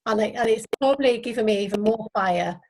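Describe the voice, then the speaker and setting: A woman's voice: fairly high pitch, fairly quick, a little mellow. A woman in her late forties hosts a casual interview, asking questions openly and sharing her own feelings. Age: 40s. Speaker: podcast host.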